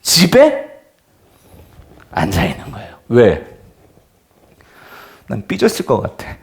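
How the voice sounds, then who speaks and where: A male pastor preaching an evening revival sermon in a church. He keeps asking the congregation questions and swings between loud emphasis and near-whispers. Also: mid-range voice, wildly swooping pitch, slow pace, creaky. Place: church sanctuary.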